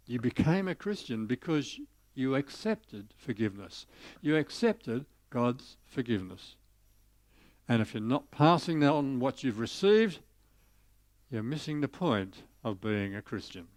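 A man preaching a sermon, retelling a parable with animated storytelling and little voiced parts for the characters. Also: mid-range voice, measured pace.

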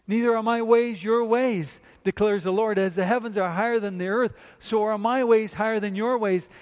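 A man preaching a sermon, repeating phrases and moving between emphatic bursts and low, quiet passages. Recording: long reverb in a large hall.

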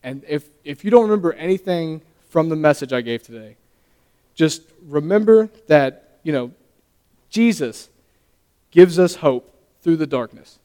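A young man preaching, earnest and a little nervous, who restarts his phrases as he goes. His voice is fairly high and smooth, and it rings out with the long reverb of a church hall. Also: lively intonation, mellow. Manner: earnest, halting, stumbles and restarts. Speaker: lay preacher. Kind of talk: sermon.

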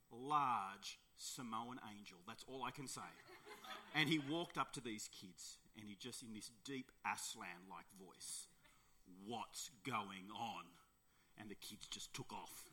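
An Australian man delivering a sermon, opening with a prayer and telling a personal story, with rhetorical questions and quiet emphasis. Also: medium pitch. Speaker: pastor.

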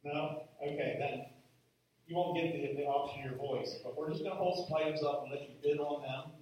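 Man, church children's-moment leader, casual with ums, slightly high voice, distant in a boomy hall. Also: brisk. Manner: casual, with many ums, lively when running the auction. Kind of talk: children's moment talk to a congregation. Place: church sanctuary. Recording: echoey hall from far off, faint noise.

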